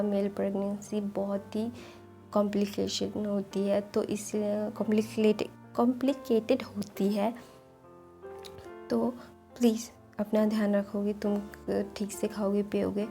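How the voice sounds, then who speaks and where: A woman retells a story in a loose, chatty way, full of fillers and restarts. Her pitch barely moves and her tone is mellow and soft-edged. Faint music plays under her voice. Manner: chatty, many fillers and restarts, quoting characters in her own voice. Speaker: storyteller retelling fan fiction. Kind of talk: casual spoken story retelling.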